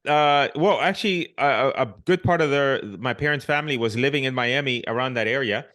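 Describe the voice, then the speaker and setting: A middle-aged man from Puerto Rico, guesting on a podcast, tells his life story in a casual, reflective way. He often restarts and fills gaps with "you know." His voice is medium-pitched and a bit bright.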